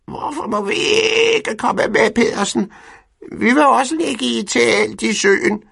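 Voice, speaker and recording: A man's voice: big pitch swings, gravelly, a bit bright, husky, exaggerated voice. Man doing squawking stubborn hens. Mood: indignant. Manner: shrill, squawking protest. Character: hen chorus, nosy and stubborn.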